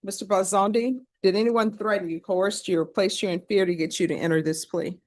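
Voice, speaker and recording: A woman judge presiding in a courtroom, running through formal legal admonishments in a brisk, practiced way. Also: medium pitch, steady tone. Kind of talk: courtroom proceedings.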